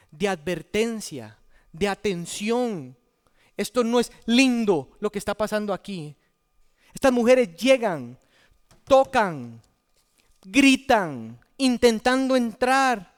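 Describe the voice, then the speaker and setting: A man preaching a sermon in a church, dramatic, dropping to a hush and then rising loud. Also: high voice, clean tone. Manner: dramatic, swings from hushed to loud. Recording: echoey church hall.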